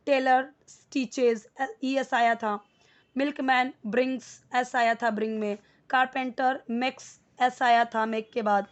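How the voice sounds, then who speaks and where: A woman teaching spoken English in Hindi, explaining grammar step by step and repeating words slowly for learners to copy. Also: fairly high pitch. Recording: dull lo-fi recording.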